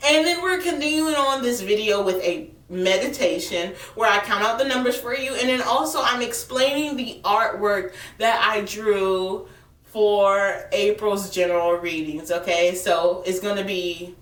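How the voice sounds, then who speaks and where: A woman's voice: medium pitch, a little slow, a bit bright, reverberant, distant mic. A woman hosting her channel, chatting casually to viewers in a playful, informal, slangy way. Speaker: tarot channel host.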